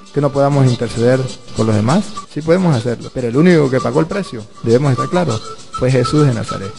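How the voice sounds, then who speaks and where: Male priest, earnest storytelling sermon, mid-pitched with gravelly edge. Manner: earnest, explaining through stories and questions. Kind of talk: preaching Bible teaching. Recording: music playing underneath.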